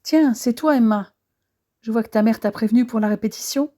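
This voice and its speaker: A knowing, teasing village mother, read by a woman narrator. She speaks lightly and with a sly edge in a mellow, darkish voice. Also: on the high side, brisk, lightly acted.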